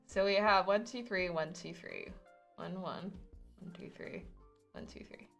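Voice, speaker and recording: A woman's voice: fairly low pitch, measured pace, gravelly, a bit bright, muffled recording, soft background music. A woman chatting casually and playfully as she live-streams a building game. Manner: playful, chatty, slips in and out of put-on accents.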